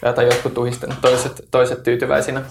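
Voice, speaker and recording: A man's voice: medium pitch, completely flat delivery, creaky. Chill guy gm narrating, lots of ums, echoey room, bit of noise. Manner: casual, filler-heavy narration. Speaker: game master. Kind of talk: narrating a tabletop game.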